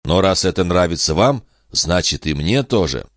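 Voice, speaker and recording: An eager, naive young peasant lad, as a male audiobook reader puts him on. He talks in a raised, bouncing voice, earnest and excitable, anxious to please. The sound is close and dry. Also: low voice, moderate pace, no room sound. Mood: earnest, puzzled.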